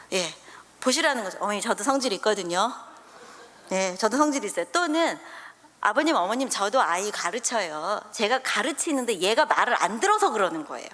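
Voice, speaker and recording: Pastor's wife giving a sermon, voice bounces up and down a lot, long echo in the church. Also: female voice, mid-range voice, normal speed. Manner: animated storyteller who acts out scenes with the congregation. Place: church sanctuary. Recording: reverberant church hall.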